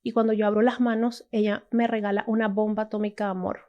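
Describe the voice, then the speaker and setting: A woman's voice: mid-range voice, level tone, quick pace, highs cut off. A woman from Latin America telling a casual, emotional personal testimony, full of restarts and asides. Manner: emotional, storytelling, many restarts and "o sea". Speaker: testimony speaker.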